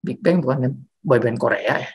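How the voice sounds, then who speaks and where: A male pastor gives a loose, joking sermon in a church. His voice is gravelly and a little husky. He tells stories in an animated, chatty way. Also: mid-range voice, normal speed. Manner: slangy, joking, animated storytelling. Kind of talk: casual sermon.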